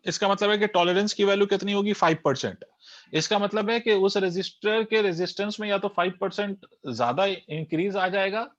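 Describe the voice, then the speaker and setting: A man's voice: high voice, no echo. Man, physics teacher, hindi-english lecture, quizzes the class, dull lo-fi sound. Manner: quizzes students, repeats key terms. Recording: dull lo-fi dry recording.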